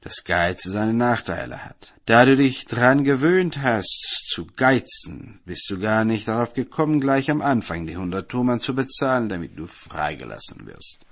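A man's voice: fairly low pitch, big pitch swings, normal speed, hardly any pauses, a bit bright, heavily acted. A man doing a stern, mocking kadi. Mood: lecturing. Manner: lecturing, mocking.

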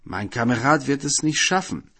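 A man's voice: mid-range voice, lively intonation, normal speed, bright, forceful tone, breathy edge, voice pushed up, heavily acted. Man reading as a desperate poor stoker. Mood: pleading. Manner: pleading, stammering.

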